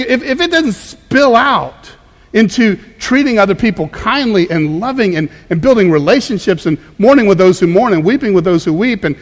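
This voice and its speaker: A man's voice: sits high, in a large hall. A man preaching a conversational sermon as a pastor, emphatic and prone to repeating words as he goes. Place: church.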